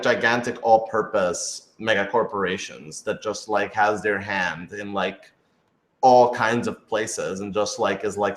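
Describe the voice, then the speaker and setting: In a roomy, echoing indoor space, a man with a fairly low voice chats casually while answering questions as the writer and producer of an audio drama. He rambles and leans heavily on filler words, especially "like."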